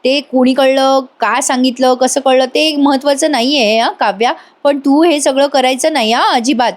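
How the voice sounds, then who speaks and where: A woman's voice: high-pitched, steady tone, normal speed, close to an everyday voice. A woman voicing a worried, protective young elder sister who scolds and pleads in a TV serial recap. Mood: scolding.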